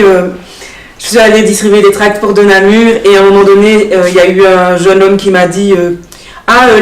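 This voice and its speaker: Young woman, earnest and halting. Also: medium pitch. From Belgium. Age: young adult. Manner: earnest, hesitant, many fillers. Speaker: election candidate. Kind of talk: studio talk show interview. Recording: echoey studio, distant mic.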